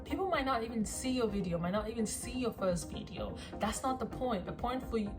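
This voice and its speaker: A woman in her twenties from South Africa, introducing herself to the camera in a rambling, self-conscious vlog with lots of ums and pauses, recorded on a phone. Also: fairly high pitch, lively intonation, music in the background. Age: 20s. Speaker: vlogger.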